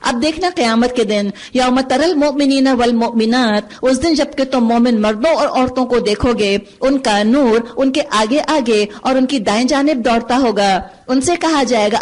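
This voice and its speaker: A woman's voice: a little high, darkish tone. A woman giving a Quran commentary lecture, earnest and full of rhetorical questions, slipping English phrases into her speech. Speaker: Quran teacher. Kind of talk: tafseer lecture.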